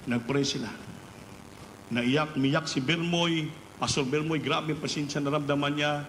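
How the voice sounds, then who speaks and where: Preacher in an echoey church hall. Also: male voice, normal speed, slight background noise. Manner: animated storytelling, rising pitch at climaxes. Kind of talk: storytelling sermon. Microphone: live webcast of service.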